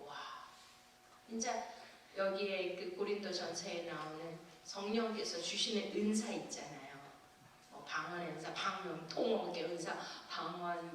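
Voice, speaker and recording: A woman pastor preaching a sermon, telling a personal testimony with lively acted-out scenes and frequent laughter. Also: lowish voice, slight background noise. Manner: animated testimony storytelling, acting out scenes, laughing often. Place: church sanctuary. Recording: echoey church from far off.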